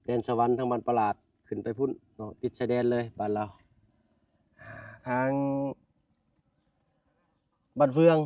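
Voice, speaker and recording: A man with an Isan accent talks his way through a village in a casual, chatty vlog, often turning to his viewers as brothers and sisters and apologizing politely. His voice sits at a middle pitch. It is heard from some distance off the mic, with a dry sound and no room echo. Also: steady tone, unhurried, pauses often, lo-fi sound. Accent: northeastern Thai (Isan). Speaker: vlogger. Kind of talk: casual vlog narration while walking. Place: outdoors in a village.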